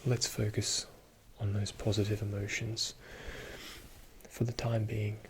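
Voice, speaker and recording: A man giving a soothing, reassuring ASMR pep talk in a soft-spoken, often whispered voice, slow and deliberate. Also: fairly low pitch, monotone, a little hiss or hum. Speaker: ASMR video host.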